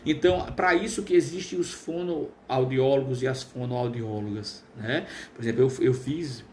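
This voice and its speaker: A man, hosting a casual live stream as a therapist, chatty and full of fillers, with a trained, smooth voice. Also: mid-range voice, normal speed, darkish tone, a little hiss or hum. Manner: chatty, reads viewer comments aloud with many fillers.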